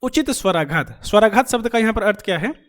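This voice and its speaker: A man teaching an exam-prep lesson, explaining by asking and answering his own questions, repeating key phrases, with pauses and fillers. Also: sits high, animated, a bit bright. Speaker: Hindi teaching-methods teacher.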